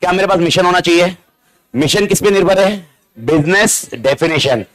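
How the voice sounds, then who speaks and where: High-voiced animated male lecturer. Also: moderate pace. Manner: animated, teasing, repeats key words and asks the class questions. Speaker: accounting exam lecturer. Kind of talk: live classroom lecture streamed online. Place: classroom with students present. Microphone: amplified classroom mic.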